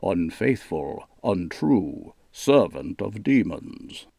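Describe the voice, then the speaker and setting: A man's voice: low-pitched, sing-song, takes it slowly, gravelly, no echo, clean studio sound, heavily acted. A man narrating an audiobook, voicing a condescending old male wizard who drones insults in a sneering tone. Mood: contemptuous droning. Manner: droning, sneering, trailing off quietly. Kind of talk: audiobook character voice.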